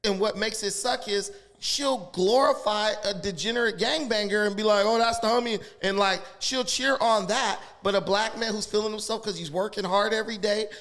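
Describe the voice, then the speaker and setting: High-voiced blunt man ranting. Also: normal speed, hardly any pauses, fairly bright tone. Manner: blunt, crude, insistent. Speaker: podcast guest. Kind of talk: heated casual talk.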